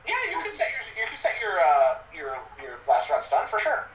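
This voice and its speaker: A man narrating as game master, animated and laughing, now and then yelping little creature cries. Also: a little high, brisk, echoey room, recorded from a distance, slight background noise, low-quality recording.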